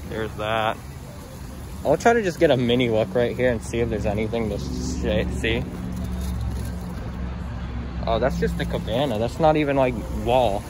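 A teenage boy rambles through a casual vlog, phone held at arm's length as he walks around a mall at night. His delivery is loose and full of fillers, with upbeat sign-offs. Steady outdoor noise sits under his voice. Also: mid-range voice, normal speed, pauses often. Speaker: vlogger.

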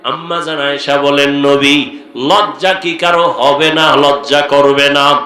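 Here a high-voiced man half-chants a passionate Islamic sermon, appealing directly and emotionally to those listening and drawing out his calls melodically. His intonation stays fairly even, his tone pushed and bright, and the amplified sound is heavily echoey.

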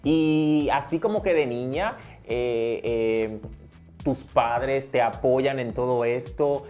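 Eager fast-talking male interviewer. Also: medium pitch, a little mellow, soft background music. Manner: eager, fast bursts, many fillers and repeats. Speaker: interviewer host. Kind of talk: casual interview. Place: small TV studio set, indoors. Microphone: lapel mic.

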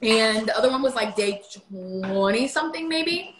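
At her kitchen table, a woman in her thirties livestreams in front of a phone camera, answering viewer questions casually with many fillers. She is a vlogger whose slightly high voice has lively intonation and a moderate pace. The audio is reverberant, with background noise.

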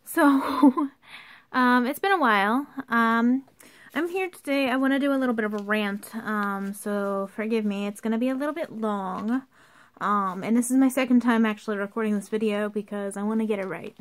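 A young woman giving an earnest, somewhat halting rant to camera from a basement, partly reading from her notes. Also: fairly high pitch. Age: young adult. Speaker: vlogger. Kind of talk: informal video rant, partly read from notes. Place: unfinished basement used for storing workout equipment.

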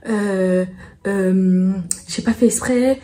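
A woman's voice: medium pitch, drawn-out words, warm tone. A woman imitating an overly sweet young female neighbor who speaks in a fake-friendly, apologetic way. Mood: sugary apologetic.

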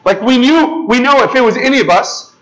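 Standing at a lectern, an American priest in his thirties delivers a sermon in a big, ornate church, addressing the seated crowd as if among friends, gesturing freely and often adding "right?" or "okay?" His notably high, fairly bright voice moves a little fast. The far-off camera yields a rough recording.

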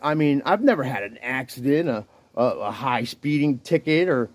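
A man in his fifties vlogging from his bicycle in the rain, talking into his phone in an earnest, rough-spoken ramble full of restarts. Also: mid-range voice, animated, normal speed, no room sound. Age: 50s. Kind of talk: rambling religious talk to camera. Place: outdoors, riding a bicycle in the rain. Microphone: phone held while riding. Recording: wind noise and rain hitting the phone mic.

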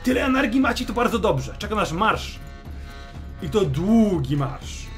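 A man's voice: on the high side, very animated, normal speed, soft background music. Man playing a swearing, bellowing fantasy general. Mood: furious scolding. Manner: shouting, sarcastic, swears constantly. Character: foul-mouthed middle-aged human army general, gruff drill commander. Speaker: fantasy general addressing troops.

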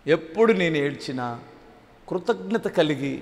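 A man preaching a sermon as pastor, with a Telugu accent from Andhra Pradesh, swinging between loud exhortation and quiet asides. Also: a little high, expressive, moderate pace. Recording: long hall reverb.

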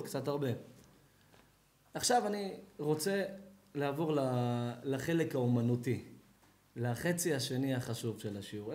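Male rabbi, high voice, dramatic live sermon, roomy echoey hall. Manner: animated, dramatic, acts out scenes. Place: lecture hall or synagogue.

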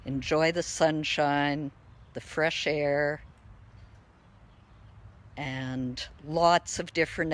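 Slow, low-voiced woman outdoors. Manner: chats to viewers while playing with a dog. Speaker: therapy dog handler. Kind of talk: casual live-stream commentary. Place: outdoors in a backyard.

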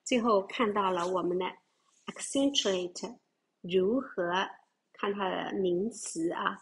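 A woman's voice: medium pitch, fairly even intonation, normal speed, vocal fry, husky. A woman teaching English vocabulary, explaining words and spelling them out letter by letter. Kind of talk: vocabulary lesson.

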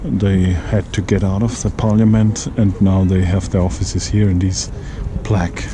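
A man leads a walking city tour, speaking very slowly in a fairly low voice. He points out the sights with many pauses as he strolls. The outdoor recording carries clear street and traffic noise behind him. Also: little pitch movement. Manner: leisurely, pointing out sights, pausing often. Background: street ambience and passing traffic.

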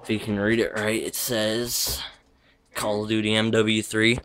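A man's voice: on the low side, little pitch movement, a little slow, a bit bright, slight background noise. A teenage boy with a slightly lispy voice from his retainer, giving an offhand, wandering tour of his bedroom gaming setup on a handheld camera. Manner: offhand, wandering, self-correcting asides. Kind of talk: casual rambling room tour.

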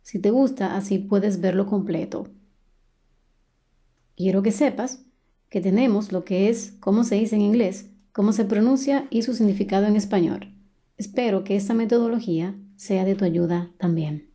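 A woman, teaching a beginner English lesson in a slow, clear voice. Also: mid-range voice, warm tone. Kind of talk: language lesson narration.

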